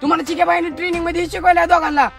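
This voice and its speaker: A woman's voice: very high-pitched, flat delivery, very fast, creaky, recorded from a distance, soft background music. A woman playing a blustering village robber in a rural comedy skit, barking orders and lecturing.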